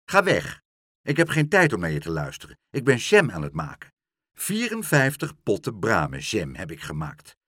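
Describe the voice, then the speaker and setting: A man voicing a stern, fussy, house-proud woman in a storybook reading, hurried and self-important. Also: lowish voice, wildly swooping pitch, fairly bright tone, slightly rough, dry recording, clean studio sound, exaggerated voice. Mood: snappish.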